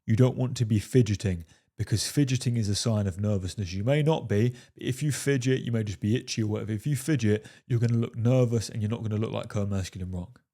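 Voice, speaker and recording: A man's voice: fairly low pitch, quick pace, mellow. Emphatic man coaching men on dating. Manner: emphatic, repeats "fellas" and "right?"; swears for emphasis. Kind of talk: direct-to-camera advice monologue.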